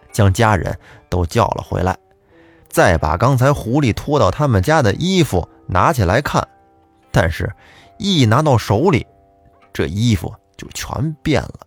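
A man's voice: on the low side, very animated, a little slow, husky, faint music behind. A man telling a folk tale in a chatty way, speaking directly to the listener. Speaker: storyteller.

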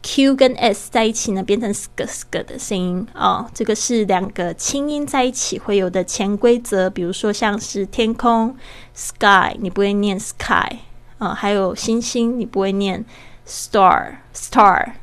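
A woman's voice: mid-range voice, gravelly. Woman teaching English by podcast. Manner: explains step by step, slows down to model English pronunciation.

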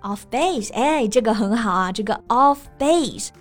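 A woman with a fairly high voice co-hosts a relaxed English lesson, explaining words through chatty examples. Faint music plays softly underneath. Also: measured pace. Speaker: co-host of an English lesson podcast. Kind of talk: casual bilingual teaching chat. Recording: light background music.

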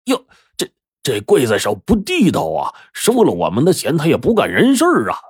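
A man's voice: fairly high pitch, wildly swooping pitch, moderate pace, breathy edge, no room sound, clean studio sound, pitched above the performer's own voice, heavily acted. A man voicing a timid male servant who stammers when scared. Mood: indignant.

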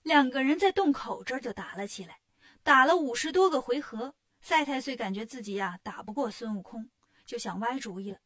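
A woman narrating a children's story in a lively, sing-song, expressive way. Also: on the high side, a little fast.

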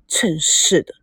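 A woman's voice: dry recording, studio quality. A woman voicing an indignant young woman arguing back at her father. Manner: protesting, high and animated.

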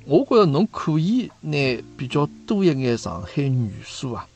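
A man's voice: a little high, very animated, normal speed, a little mellow. A man in his fifties with a Shanghainese accent, hosting a casual chat and often checking that his guest agrees. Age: 50s. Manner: chatty, often asks for agreement. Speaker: host.

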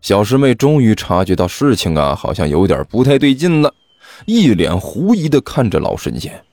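A man narrating a serialized novel in a lively storytelling manner. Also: on the low side, normal speed, no echo, soft background music.

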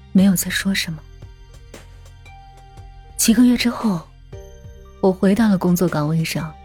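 A woman narrating an audio story in a soft, unhurried storytelling manner. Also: fairly low pitch, slightly rough.

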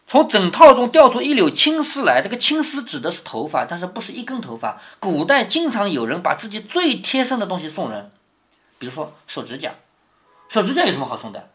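A man's voice: high voice, very animated, a little fast, a bit bright. A man reading a classic novel to his daughter, stopping often to explain and to ask rhetorical questions. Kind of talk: reading aloud with commentary.

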